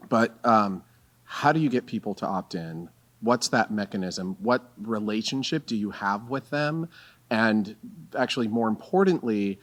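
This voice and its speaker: Man, low voice, hesitant questioner, repeats words, polite framing. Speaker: audience questioner from a brand. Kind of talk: asking a question in a Q&A.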